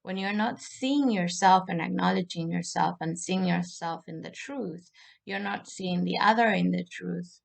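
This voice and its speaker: A woman from Argentina, a love coach, talking in a thoughtful, searching way, with pauses and restarts. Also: lowish voice, gravelly. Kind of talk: reflective personal monologue.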